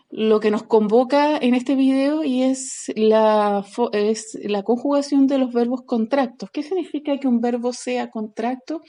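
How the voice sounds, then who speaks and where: A woman's voice: fairly high pitch, mellow. A woman teaching an ancient Greek grammar video lesson, explaining step by step and often checking in with her viewers.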